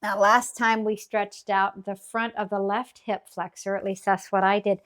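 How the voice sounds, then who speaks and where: Calm woman guiding a grounding yoga exercise. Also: mid-range voice, normal speed. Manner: gentle, soothing, encouraging instruction. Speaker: yoga instructor.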